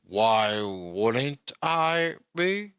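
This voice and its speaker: A man's voice: medium pitch, sing-song, drawn-out words, a bit bright, clear, resonant tone, no echo, lo-fi sound. A man playing a tabletop game, improvising casually in character.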